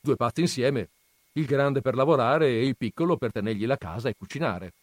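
A man voicing a calm uncle who explains his opinion in a read-aloud story. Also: medium pitch, fairly quick, dry recording, pitched above the performer's own voice, lightly acted. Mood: reasonable. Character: calm reasonable uncle, middle-aged man.

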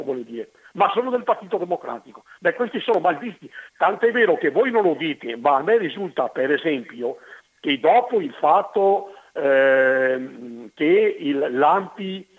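Husky older man on a tinny phone line. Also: a little high. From Venice area, Italy. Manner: hesitant, halting with many fillers. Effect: over a landline phone. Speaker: radio call-in caller. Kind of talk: phone-in talk radio.

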